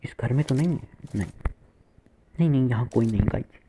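A man's voice: medium pitch, animated, brisk, background noise. A man giving playful, boastful live commentary to viewers while playing a shooter game, with gunfire behind him. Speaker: gaming streamer.

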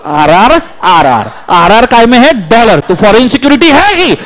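Energetic man lecturing a class. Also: very high voice, moderate pace. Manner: energetic, prompts class to answer aloud. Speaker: law lecturer.

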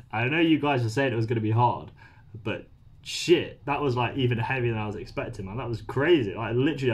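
A man hosting a music reaction video, talking casually and excitedly with plenty of swearing and rambling asides. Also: medium pitch. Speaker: music reaction channel host. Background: faint music playing.

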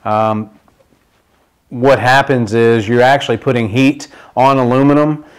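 A man's voice: mid-range voice, fairly even intonation, a little slow, clear, resonant tone. A middle-aged man in a product demonstration video, explaining a repair step by step with plenty of fillers, at a demo table indoors.

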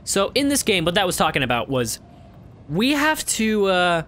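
A man's voice: sits high, big pitch swings, normal speed, fairly bright tone. A young man hosting a let's play, reading the game text and chatting casually with rambling, laugh-filled asides.

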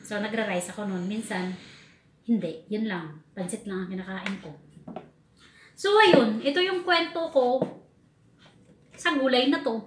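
A woman from the Philippines telling a food story in a casual vlog, animated and laughing as she talks. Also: medium pitch, normal speed, pauses often. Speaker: vlogger. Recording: echoey room with faint ambient noise.

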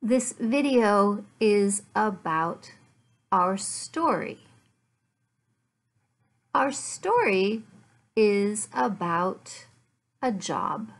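An American woman in her fifties teaches beginner English to learners, using short, simple, repeated phrases delivered deliberately with pauses. Her mid-range voice is animated, and she records on a laptop microphone in a small furnished living room at home.

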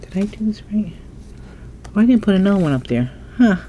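Thinking aloud while flipping cards at a table, a woman with a congested nose offers a relaxed tarot reading; just her hands show, and the setting is indoors. She speaks a little quickly in a mellow, mid-range voice with lively intonation, against slight background noise.

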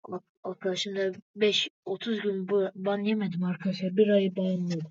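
A woman's voice: medium pitch, little pitch movement, moderate pace, a little mellow, dry recording. A woman giving casual gameplay commentary, chatting to viewers and calling them friends again and again. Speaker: gaming video maker. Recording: dull lo-fi dry recording.

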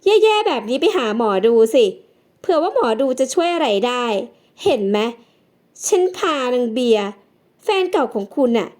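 A sharp-tongued, scheming young woman, as a woman reader voices her. She coaxes and mocks in a high, bright-edged voice, fitting a storybook drama. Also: sing-song, moderate pace. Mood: coaxing.

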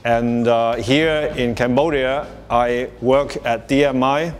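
A man from Hong Kong giving a presentation talk in a small room, measured and pausing often. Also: mid-range voice, steady tone. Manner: plain and measured, with many filler pauses. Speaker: guest speaker. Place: small meeting room with projector.

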